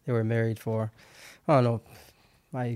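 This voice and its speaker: A man's voice: medium pitch, little pitch movement, normal speed, darkish tone, clear, resonant tone, dry recording. A man in his thirties from Haiti, a guest chatting easily in an interview, laughing often and restarting his sentences. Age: 30s. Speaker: podcast guest. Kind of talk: casual interview chat.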